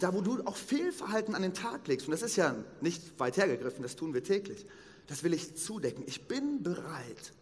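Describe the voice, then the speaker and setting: A man, a pastor, preaching a sermon with emphatic, slow stressed phrases, recorded in a church hall. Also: on the high side. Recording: long reverb of a church hall.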